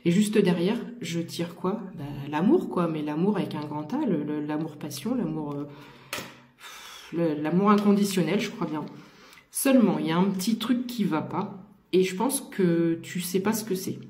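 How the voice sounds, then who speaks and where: A woman's voice: lowish voice, moderate pace, dark tone, reverberant, a little hiss or hum. A woman giving a casual tarot reading to the viewer, talking with many fillers and restarts. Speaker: tarot card reader.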